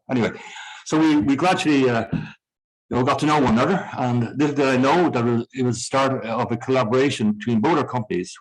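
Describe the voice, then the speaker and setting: A man's voice: on the low side, slightly rough, poor audio. A man opening an evening talk as chair, introducing the speaker in a chatty way with light humor. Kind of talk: formal event introduction. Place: lecture room with live audience.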